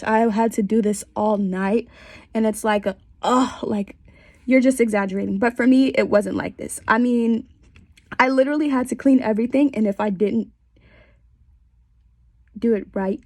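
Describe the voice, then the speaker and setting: A young woman in her twenties, sounding stuffed up from a cold, talks candidly about her own life for a class assignment, tossing in wry asides. Her student voice sits on the high side and is a little mellow. She's recording in a small bedroom, yet there's no echo.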